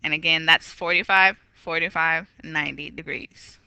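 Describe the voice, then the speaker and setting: A woman's voice: deep voice, fairly even intonation, normal speed, vocal fry, pushed and bright, smooth, poor audio. A woman teaching a recorded geometry lesson, walking through problems patiently and correcting herself aloud. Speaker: math teacher.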